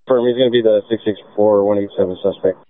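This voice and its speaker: Brief: quick, low-ish male cop on a tinny two-way radio, dry and clipped. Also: fairly even intonation, no echo. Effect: talking over a two-way police radio. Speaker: police officer. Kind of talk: radio dispatch traffic.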